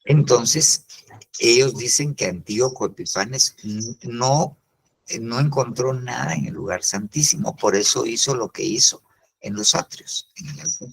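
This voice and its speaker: An older man teaching a virtual Bible discipleship class, explaining step by step and often pausing with "entonces". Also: mid-range voice, gravelly, slightly rough, low-quality recording. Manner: explains slowly, pauses with "entonces" and "fíjese bien". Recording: live stream.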